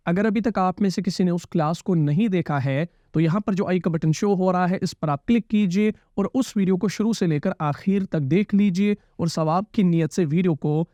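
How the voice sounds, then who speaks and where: High-voiced male Arabic grammar teacher. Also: a little mellow, no echo. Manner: explains patiently, repeats key terms, checks understanding with questions. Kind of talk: classroom-style grammar lesson.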